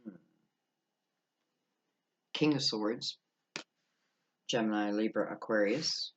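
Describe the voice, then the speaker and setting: A man giving an unscripted, mystical horoscope tarot reading, musing aloud with halting pauses and rhetorical questions. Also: on the low side, highs cut off, slight background noise. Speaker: tarot card reader.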